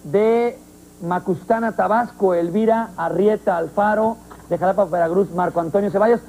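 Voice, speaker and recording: A man's voice: sits high, dark tone, slight background noise, low-quality recording. A man from Mexico hosting a studio talk show, teasing and joking with his guests between questions. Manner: joking, teasing, quick interjections.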